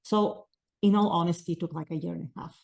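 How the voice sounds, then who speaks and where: Speaking fast with vocal fry, this Bulgarian author in her forties has a fairly low, slightly mellow voice. She answers interview questions with earnest, flowing sentences in her Bulgarian accent.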